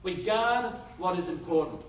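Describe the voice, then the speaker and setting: Speaking into a handheld mic in a church hall, an Australian pastor gives an earnest, expressive sermon at normal speed in a fairly high voice. He asks rhetorical questions and restarts phrases, and the recording sounds roomy and distant.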